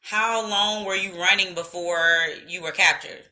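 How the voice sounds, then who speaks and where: A woman's voice: lowish voice, fairly even intonation, unhurried, bright, forceful tone. A woman hosting an interview, asking casual, direct questions and saying "y'all.". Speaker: interview host.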